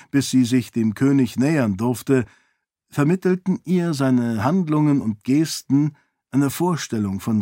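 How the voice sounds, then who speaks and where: A man reading a fantasy novel aloud as narrator in a measured, even manner. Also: mid-range voice, no echo, clean studio sound. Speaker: audiobook narrator. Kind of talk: scripted narration.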